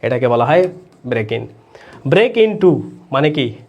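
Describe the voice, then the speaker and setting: A man's voice: medium pitch, very animated, a little slow, darkish tone, dull audio. A young man, teaching an online exam-prep English class, explaining step by step and asking the students questions. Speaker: English teacher for admission exams. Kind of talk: online lecture.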